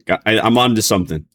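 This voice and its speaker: Low-voiced man rambling, bemused. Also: a bit bright. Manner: bemused, hesitant. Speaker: streamer reacting to videos. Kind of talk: casual, rambling reaction commentary.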